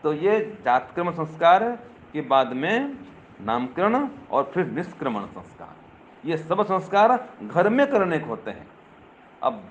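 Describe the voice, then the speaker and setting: A man's voice: on the high side, a little hiss or hum. An older man delivering a teaching sermon to a live audience. He keeps asking rhetorical questions and speaks to listeners directly. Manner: addresses listeners directly, teasing. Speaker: swami. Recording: dull lo-fi recording with faint ambience.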